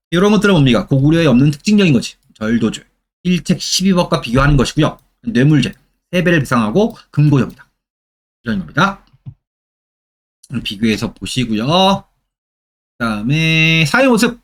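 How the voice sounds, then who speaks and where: A man's voice: on the high side, fairly bright tone. A middle-aged man lecturing for exam preparation, constantly asking rhetorical questions and repeating key terms for emphasis. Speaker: history lecturer.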